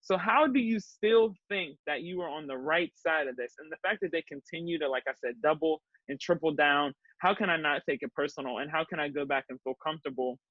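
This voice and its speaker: A woman's voice: deep voice, a little fast, hardly any pauses, dry recording, muffled recording. A woman from Pittsburgh, a newspaper journalist, speaking earnestly and emphatically in a panel discussion, often repeating words as she builds a point.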